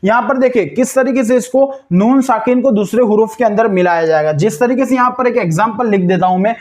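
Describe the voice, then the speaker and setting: High-voiced man teaching Quran reading. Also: darkish tone. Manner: patient, asks questions and answers them himself; spells out letters slowly syllable by syllable. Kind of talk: step-by-step recitation lesson.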